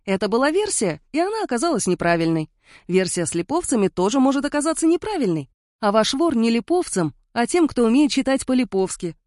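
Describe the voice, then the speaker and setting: A woman's voice: fairly high pitch, big pitch swings, a little fast, darkish tone, no room sound, studio quality, pitched above the performer's own voice. A woman voicing a clever young male investigator who reasons aloud with a teasing edge. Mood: wry.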